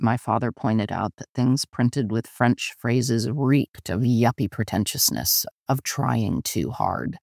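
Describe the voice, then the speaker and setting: A man reading a first-person literary story aloud in a measured, intimate narration. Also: medium pitch, gravelly, no room sound, studio quality. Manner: measured, intimate, often slow. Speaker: audiobook narrator.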